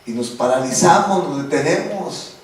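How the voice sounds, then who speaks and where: A man's voice: fairly high pitch, animated, normal speed. A man preaching as a pastor, with impassioned, repetitive delivery that builds in intensity. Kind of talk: sermon. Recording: very echoey room, voice from a distance.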